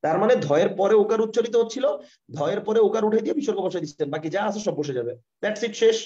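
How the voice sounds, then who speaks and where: Fast-talking Bangladeshi teacher, lo-fi audio. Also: male voice, high-pitched, mellow. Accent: Bangladeshi Bengali. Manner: fast, repetitive, keeps asking if the concept is clear. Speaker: online grammar teacher. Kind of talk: live online lesson with screen share. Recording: dull, lo-fi online class audio.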